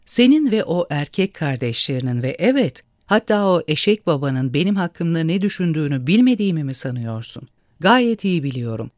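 Man doing imperious old woman, scornful, commanding, wide-swinging pitch, dry close sound, storybook reading. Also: very animated, fairly quick, no echo. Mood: scornful tirade. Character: imperious, sharp-tongued rich old woman.

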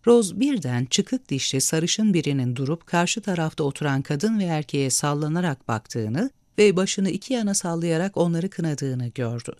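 Expressive man reading a story aloud. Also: on the high side, moderate pace, hardly any pauses, dry recording, studio quality. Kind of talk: storybook narration.

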